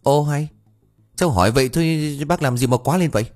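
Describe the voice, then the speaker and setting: A man voicing a cheeky, gossipy young village man who talks high and whiny, speeding up when upset. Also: expressive, brisk, husky. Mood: chatty.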